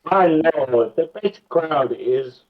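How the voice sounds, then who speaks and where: A man playing a boastful, flattering bard who declaims grandly in a tabletop game. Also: fairly high pitch, takes it slowly, narrow, tinny audio, crowd noise.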